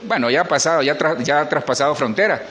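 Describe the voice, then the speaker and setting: A man's voice: on the high side, quick pace, a bit bright, highs cut off, faint music behind. A middle-aged man, a pastor preaching a sermon in church and asking the congregation questions. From Honduras.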